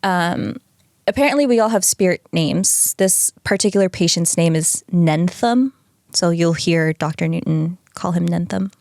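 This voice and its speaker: A woman's voice: lowish voice, a little slow, vocal fry, darkish tone, no room sound, clean studio sound. A woman co-hosting a podcast in a laid-back, casual way, swearing and laughing often. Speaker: podcast co-host. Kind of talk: casual chat.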